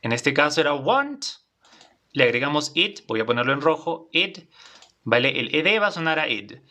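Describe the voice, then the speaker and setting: A man's voice: a little high, big pitch swings, a little fast, sharp tone, highs cut off. A man teaching an English class in Spanish, patient and repetitive, often checking in with his students. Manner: patient, repeats phrases, checks in with "¿vale?".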